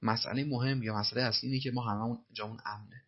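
Husky-voiced man teaching English phrases. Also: mid-range voice, steady tone, dull audio. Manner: patient, repeats phrases slowly and translates them. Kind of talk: explaining English film lines in Persian.

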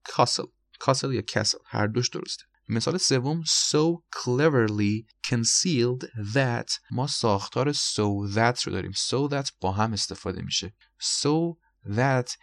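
A man's voice: fairly low pitch, dry recording. A man with a Persian accent teaching English vocabulary, explaining each word, spelling words out letter by letter and repeating the pronunciations. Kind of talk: recorded vocabulary lesson.

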